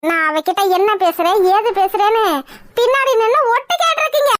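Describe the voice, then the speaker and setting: A woman's voice: extremely high pitch, lively intonation, a little fast, no echo, clean studio sound. A woman voicing an anxious young wife in a cartoon, who pleads and defends herself. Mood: defensive. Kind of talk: cartoon voice acting.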